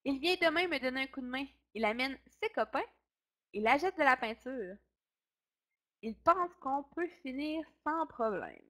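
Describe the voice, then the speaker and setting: A woman's voice: high voice, expressive, measured pace, fairly bright tone. A woman reading a children's story aloud, voicing a worried, short-tempered father who grumbles and gets exasperated. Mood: cheerful.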